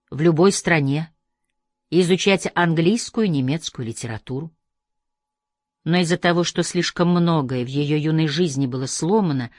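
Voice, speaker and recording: A man reading an audiobook aloud in a measured, steady scripted narration. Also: on the high side, dry recording, studio quality. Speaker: audiobook reader.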